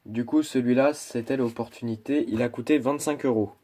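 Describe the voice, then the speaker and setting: A man's voice: medium pitch, fairly even intonation, brisk, dark tone. A man chatting casually through an unboxing video, talking in a hesitant way with many restarts and asides. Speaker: YouTuber.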